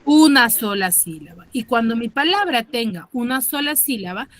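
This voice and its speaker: Her voice is fairly high and expressive, with a Peruvian Spanish accent, as she teaches an online school class over a dry close mic. She takes her time explaining, eases up on key terms, and asks tag questions to check that students follow.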